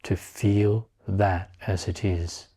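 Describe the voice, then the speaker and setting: Speaking in short, very slow, calm phrases with long gaps in between, a man guides a meditation. He has a low, mellow voice with a husky quality.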